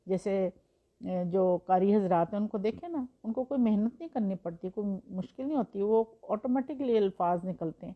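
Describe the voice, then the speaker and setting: A woman's voice: mid-range voice, narrow, tinny audio. A woman teaching Quran recitation in a patient, explanatory way, using examples and rhetorical questions. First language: Urdu. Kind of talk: explanatory religious lesson.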